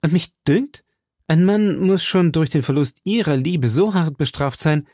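A man voicing an eager, infatuated young swordsman who speaks in a flattering, fervent way. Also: fairly high pitch, measured pace, dry recording, studio quality, pitched above the performer's own voice.

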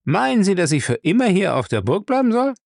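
A man's voice: high-pitched, very animated, brisk, vocal fry, a little mellow, no echo, studio quality, pitched above the performer's own voice, full character voice. Man putting on a cocky, insolent thief. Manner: cheeky, mocking, raised voice. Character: brash insolent male thief, surly.

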